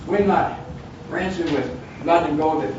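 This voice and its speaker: A man's voice: on the high side, unhurried, a little mellow, heavy reverb. A man in his sixties leading an informal Bible study, rambling with many restarts and asides. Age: 60s. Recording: distant, dull, noisy room recording.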